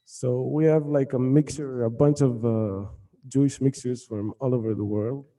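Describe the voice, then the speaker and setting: A man from Mexico, a guitarist, answering interview questions casually in a halting way with many fillers. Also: medium pitch, steady tone, dark tone. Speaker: guitarist and band member. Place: room in Jerusalem.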